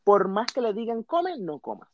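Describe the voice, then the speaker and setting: Man with a lively, theatrical voice. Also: high voice, normal speed, no echo, dull audio. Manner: theatrical, mocking, plays voices of others in quotes. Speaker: podcast co-host. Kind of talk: comic mock advice chat.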